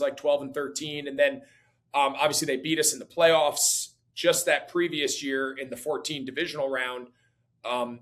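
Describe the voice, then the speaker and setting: Relaxed male guest in his forties, slightly high voice, talks in looping, filler-heavy sentences. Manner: relaxed, full of fillers and restarts. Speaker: guest, former player. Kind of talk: casual conversation.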